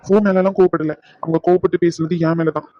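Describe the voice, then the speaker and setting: A man voicing a gentle, apologetic young husband in a cartoon, soothing and remorseful. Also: sits high, little pitch movement, quick pace, no room sound, muffled recording, natural voice. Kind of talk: cartoon voice acting.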